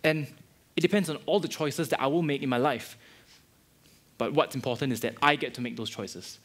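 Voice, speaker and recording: A man's voice: mid-range voice, a little fast, fairly bright tone, natural voice. A young man acting in a student stage play as a hurt but forgiving friend who talks earnestly and thoughtfully. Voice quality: earnest, reflective.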